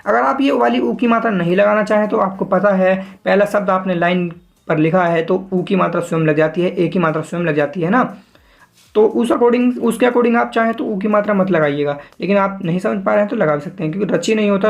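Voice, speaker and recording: A man teaching shorthand, explaining step by step, checking in with listeners often and sounding out words slowly as he demonstrates. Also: high-pitched, creaky. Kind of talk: spoken lesson.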